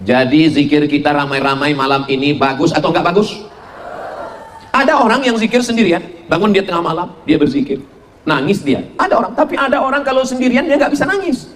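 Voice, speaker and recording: A middle-aged man giving a humorous sermon to a congregation, animated and full of mimicry. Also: a little fast, a little hiss or hum. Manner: animated, mimics voices for jokes, shifts between high and low pitch. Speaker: Islamic preacher.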